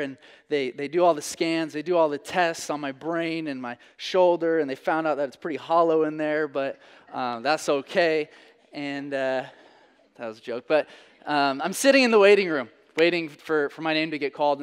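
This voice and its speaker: A man's voice: on the high side, clear, resonant tone. A young adult man, a pastor, telling a candid, self-deprecating personal story in his sermon. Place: church sanctuary. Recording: long church hall reverb.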